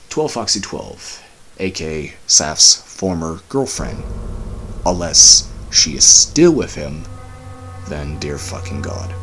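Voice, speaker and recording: A man's voice: sits low, fairly bright tone. A young man talking in a heated, profane, repetitive rant for a commentary vlog. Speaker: commentary vlogger.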